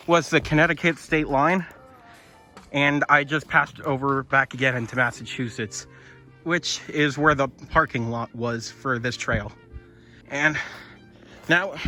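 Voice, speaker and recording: A man's voice: on the high side, bright, forceful tone. A young man talking to his camera on a woodland hike, chatty and rambling, out of breath as he climbs. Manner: chatty, self-narrating and a bit rambling. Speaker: vlogger. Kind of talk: hiking vlog to camera. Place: wooded trail outdoors, windy.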